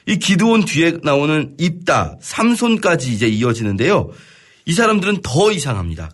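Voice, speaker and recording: Guy explaining bible chapters on a radio show, kinda high voice, bounces around a lot, keeps going "how should i put it". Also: a bit bright. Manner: explains verse by verse, often pausing with "뭐랄까요"; reads scripture aloud, then paraphrases it conversationally. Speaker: Bible teacher. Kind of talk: radio Bible study lecture.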